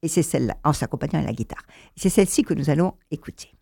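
Gravelly low-toned woman presenting songs. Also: expressive, rapid-fire, warm tone, dry recording, studio quality. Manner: hesitant, many fillers and restarts. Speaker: presenter of a show. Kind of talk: spoken introduction of songs.

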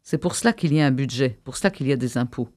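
A man's voice: mid-range voice, animated, fast, a little mellow, dry recording, clean studio sound, lightly acted. A man voicing a poor, sincere workers' delegate who argues bluntly in a council meeting, in a novel read aloud. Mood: heated.

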